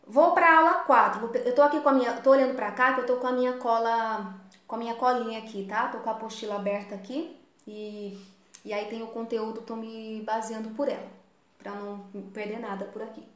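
A woman's voice: fairly high pitch, flat delivery, a little fast, echoey room. Patient Brazilian woman teaching guitar. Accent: Brazilian Portuguese. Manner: patient, explains step by step, vocalizes strumming beats. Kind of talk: live online guitar lesson.

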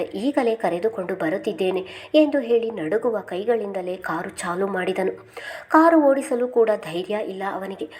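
A woman's voice: medium pitch, a little mellow. Woman narrating a family novel. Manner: reads every character's lines herself, lifting her voice on anxious questions. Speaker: storyteller.

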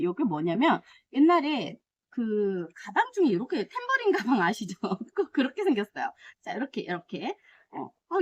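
Excitable, chatty middle-aged woman. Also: fairly high pitch, no room sound. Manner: chatty, excitable, laughs often. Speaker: succulent vlogger. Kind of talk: casual unboxing chat.

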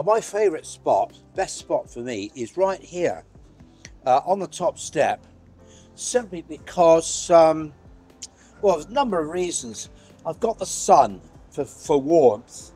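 A man's voice: on the high side, sing-song, slow pace, warm tone, breathy edge, faint music behind. A man, chatting reflectively and a little hesitantly outdoors as he shows someone around a town. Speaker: town crier giving an interview. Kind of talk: casual walking chat. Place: outdoors on a town high street.

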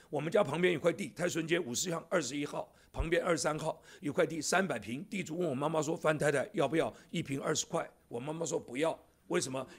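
A man's voice: a little high, husky. A man in his seventies, a church elder, preaching a sermon in a church with jokey asides to the congregation. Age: 70s.

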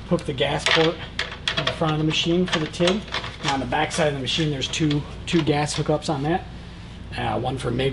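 A man's voice: on the high side, gravelly, heavy background noise. A man in his thirties casually demonstrating welding equipment in a large warehouse, speaking plainly with lots of "uh" and "um" fillers. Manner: relaxed, plain-spoken, many "uh" and "um" fillers. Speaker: welding supply product reviewer.

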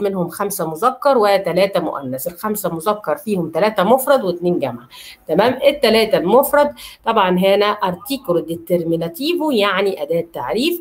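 A woman with an Egyptian Arabic accent teaching Italian, repeating words slowly and often checking that her students follow. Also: mid-range voice. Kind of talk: online language lesson.

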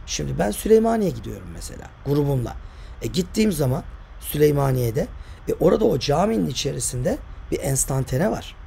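Casting: older male guide, dark gravelly voice, opinionated vlog rant, faint noise behind. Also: on the high side, sing-song, a little fast. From Turkey. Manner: emphatic, argumentative, rhetorical questions. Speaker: tour guide and author.

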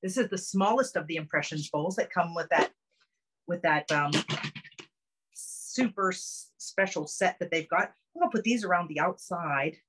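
A woman's voice: on the low side, expressive, normal speed, noisy background. Middle-aged lady walking thru a recipe in her kitchen, chatty and upbeat, phone mic up close. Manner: chatty, upbeat, step-by-step explaining. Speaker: cooking demonstrator. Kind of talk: casual cooking demo on a video call. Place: home kitchen, indoors. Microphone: phone camera close up.

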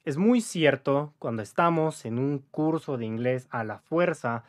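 A young Mexican man in his twenties, an English teacher, gives a casual video lesson to camera in a mid-range voice, animated and unhurried. He's chatty and upbeat, often tacking "¿va?" or "¿vale?" onto sentences to check in with viewers. He's indoors, in front of a patterned wall.

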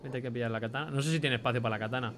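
A man's voice: mid-range voice, racing, a bit bright, a little hiss or hum. A young man with a Spain Spanish accent giving chatty let's play commentary, swearing casually and reading item names aloud. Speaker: gameplay commentator.

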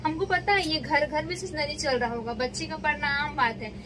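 A woman talks directly to her viewers in an earnest, pleading way. Her words come with a sense of hurt. The recording has clear background noise with vehicles passing. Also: high voice, fairly quick. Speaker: vlogger, mother. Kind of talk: casual vlog talk to viewers.

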